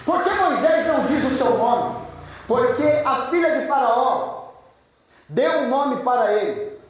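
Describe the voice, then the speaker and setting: A man's voice: extremely high pitch, expressive, measured pace. A man, a pastor, giving a fervent, emphatic sermon with a lot of repetition, preaching in a church. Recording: echoey church, far from mic.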